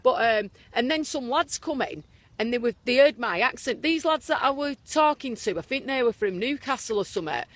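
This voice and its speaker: A Northern English woman with a high voice tells a rambling story during a casual chat. Her pitch swings up and down as she talks. She has a dry, teasing manner, and the chat happens outdoors on a street. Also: animated, a little fast, dry recording.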